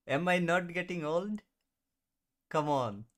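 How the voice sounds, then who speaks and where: A man's voice: on the high side, drawn-out words, fairly bright tone. A man in his thirties hosting a live trading stream, chatting casually, answering viewers and laughing often. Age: 30s. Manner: mutters at the chart while watching. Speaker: trading livestream host.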